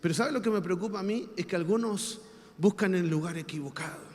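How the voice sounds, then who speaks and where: A man with a Chilean Spanish accent preaching a sermon as a pastor, leading the congregation in call-and-response and swinging from soft speech to shouts. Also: high voice, fast talker, in a large hall.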